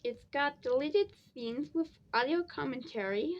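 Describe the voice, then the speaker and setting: A woman's voice: high-pitched, lively intonation, measured pace, dull audio. A tired, sleepy woman rambling casually through a DVD review, repeating herself as she goes.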